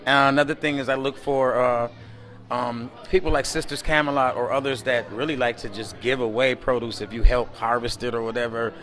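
A man answering interview questions in a relaxed, rambling way, full of fillers, recorded close to a camera indoors at a community event. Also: mid-range voice, brisk. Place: indoor event space by a window at night.

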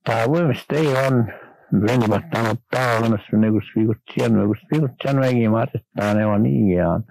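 An older man from Manitoba, Canada, a guest on a radio interview, recalling old times in a rambling, halting way with many restarts. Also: medium pitch, gravelly, background noise.

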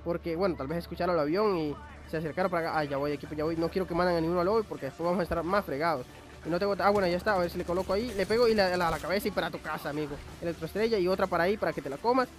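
A young man giving excitable, chatty live commentary on his own gameplay. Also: high voice, very fast. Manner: excitable, chatty, swears lightly while playing. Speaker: gaming YouTuber.

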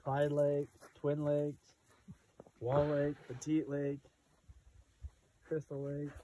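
Flat-toned man naming lakes from a distance. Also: on the high side, takes it slowly. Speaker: hiking companion. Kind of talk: casual explaining of landmarks. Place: outdoors on a mountain trail. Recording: heard from a distance, faint outdoor noise.

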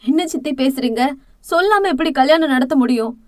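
A woman's voice: high voice, lively intonation, a little fast, no room sound, studio quality. A woman voicing an anxious middle-aged mother who pleads with worry in an audiobook drama. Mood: worried. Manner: worried, pleading.

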